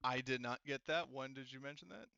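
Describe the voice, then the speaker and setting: A man game-mastering an online tabletop session reasons aloud step by step, his mid-range voice bright, resonant, gravelly and clear at a brisk clip. He's captured dry on a close mic with no room sound, and the chat audio is slightly muffled.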